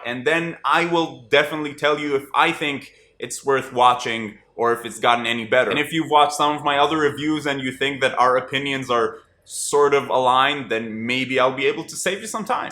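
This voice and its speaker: Man, casual TV review vlog, wry, animated, bright tone, roomy echo. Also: mid-range voice. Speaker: TV review vlogger.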